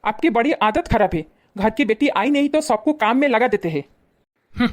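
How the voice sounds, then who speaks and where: A woman's voice: fairly high pitch, lively intonation, moderate pace, dry recording, natural voice. A woman playing an irritated brother who bluntly scolds his mother and sister, in a comedy skit.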